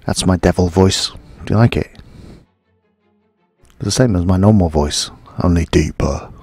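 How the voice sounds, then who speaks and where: A man's voice: low voice, normal speed, dark tone, breathy edge, no echo, faint music behind. A man doing sarcastic, rambling let's play commentary. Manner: sarcastic, rambling and self-mocking. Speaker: gaming commentator.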